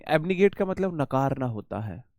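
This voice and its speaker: A man's voice: mid-range voice, very animated, normal speed, darkish tone, no echo. A man teaching English vocabulary in a live online class, chatty and repeating words while he explains memory tricks and answers the chat.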